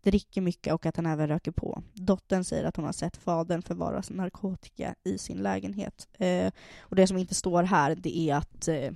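A woman's voice: lowish voice, steady tone, gravelly, hardly any pauses, dark tone, no room sound, clean studio sound. A young woman frankly telling her own story in a casual podcast, full of fillers and acted-out dialogue. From Sweden. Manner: frank, lots of fillers, acts out quoted dialogue.

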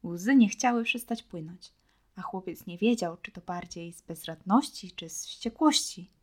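A woman narrating a storybook in a soft, hushed way, often near a whisper. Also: fairly low pitch, animated, moderate pace.

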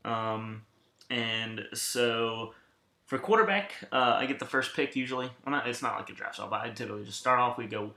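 Bright-voiced man in an echoey room. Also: mid-range voice, moderate pace. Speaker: sports podcast host. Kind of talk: casual sports chat. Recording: roomy, echoing sound.

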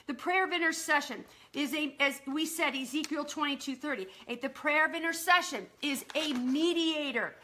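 A woman preacher teaching on prayer in a live-streamed sermon, talking fast and earnestly and quoting scripture. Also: high-pitched, bright, forceful tone.

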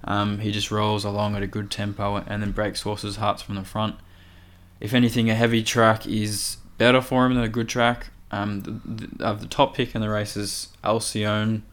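A man analysing horse races casually, in a halting, hesitant manner. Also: on the low side, little pitch movement, a bit bright. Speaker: racing podcast tipster. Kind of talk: casual analytical racing chat.

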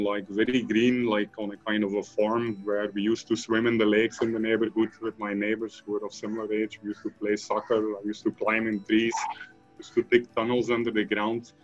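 Man, low monotone, rambling interview guest, muffled audio with faint music. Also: fairly quick. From Belgium (Flanders). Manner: rambling, many fillers and restarts. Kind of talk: conversational interview.

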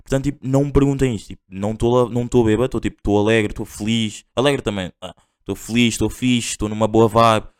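A man's voice: fairly low pitch, fairly even intonation, fast talker, clean tone. Rambling young Portuguese man, slangy. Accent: European Portuguese. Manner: rambling, slangy, full of fillers and restarts. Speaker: podcast host. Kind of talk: casual storytelling monologue.

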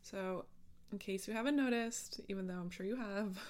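A woman's voice: mid-range voice, moderate pace. A woman podcast host chatting casually on her own in a rambling way, often interrupting herself and leaning on filler words. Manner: rambling, self-interrupting, filler-heavy speech. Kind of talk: casual solo podcast chat.

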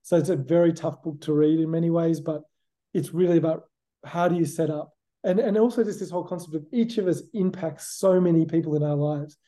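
Speaking a little fast, this interview guest is a middle-aged Australian man whose voice is a little high and dark-toned with fairly even intonation. His answers are reflective and chatty, peppered with "you know" and "look."

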